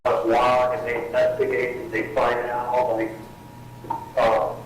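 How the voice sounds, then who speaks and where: A man talking from jail on a prison phone call, rambling and halting with lots of fillers. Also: medium pitch, completely flat delivery, soft background music. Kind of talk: casual phone conversation. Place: jail cell. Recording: distant echoey jail phone line with faint noise.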